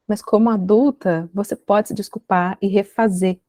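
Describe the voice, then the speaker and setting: A woman's voice: mid-range voice, fairly even intonation, moderate pace, mellow, no room sound. Brazilian woman chatting on a podcast, thoughtful, keeps asking "right?", dry sound. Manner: reflective, emphatic, uses many tag questions. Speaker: guest, parenting educator. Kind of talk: conversational podcast interview.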